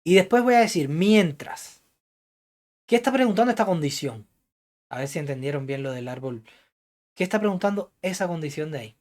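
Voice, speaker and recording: A male lecturer explaining code to a class, pausing often to check that students follow and putting questions to them. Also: a little high, lively intonation, a little mellow. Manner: keeps checking understanding with "¿ya?" and "¿entiendes?"; thinks aloud, hedging what he recalls. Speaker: programming lecturer.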